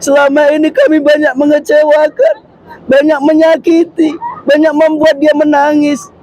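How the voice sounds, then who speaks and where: A man's voice: very high-pitched, normal speed, darkish tone, dry recording, poor audio. A man leading pilgrims in a long, impassioned prayer, pleading in repeated refrains, a father and husband himself. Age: adult, a father and husband. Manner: chanted Arabic prayer, then tearful pleading refrains in Indonesian. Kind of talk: impassioned supplication. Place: large mosque courtyard, in public.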